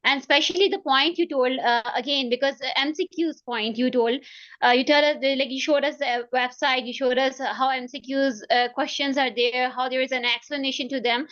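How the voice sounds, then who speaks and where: A woman's voice: high-pitched, steady tone, normal speed, a bit bright. A young woman from Pakistan moderating a webinar, effusive and thankful, her phrasing loose and full of fillers. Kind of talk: hosting a webinar. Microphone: video call. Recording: dull video-call audio.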